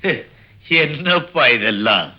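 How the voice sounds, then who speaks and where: An actor playing a stern, hot-tempered college principal who barks angry commands and scolds a student. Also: male voice, medium pitch, expressive, slow. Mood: scornful. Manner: angry, barking, mixes English commands. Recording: dull old film soundtrack.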